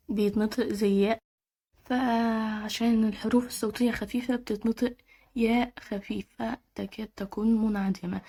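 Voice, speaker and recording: A woman with an Egyptian Arabic accent teaching Turkish letters, repeating each word slowly and patiently. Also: on the high side, warm tone. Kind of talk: slow step-by-step teaching.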